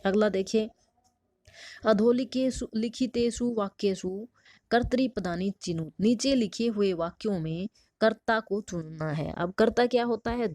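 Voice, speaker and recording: A woman's voice: a little high, unhurried, dark tone, no echo, studio quality. A woman teacher patiently explaining a textbook lesson, asking questions and answering them herself. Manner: patient, asks and answers her own questions.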